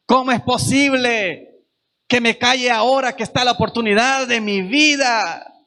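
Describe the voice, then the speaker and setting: A man's voice: extremely high pitch, normal speed, sharp tone, pitched above the performer's own voice, heavily acted. A man voicing a blind male beggar who pleads with stubborn hope, in an impassioned first-person way. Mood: pleading, defiant.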